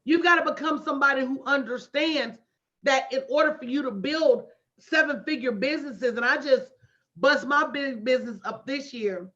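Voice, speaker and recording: Speaking at a moderate pace in a high, fairly bright voice, a motivational business coach in her late forties runs a livestream. She talks straight to viewers with folksy, emphatic, preacher-like repetition, captured in dull lo-fi audio.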